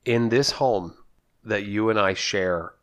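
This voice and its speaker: A man's voice: lowish voice, takes it slowly, a bit bright, clear, resonant tone. A man from South Texas co-hosting a podcast, chatting casually and walking through a recipe step by step. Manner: easygoing, explains recipes step by step. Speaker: podcast co-host. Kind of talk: casual chat.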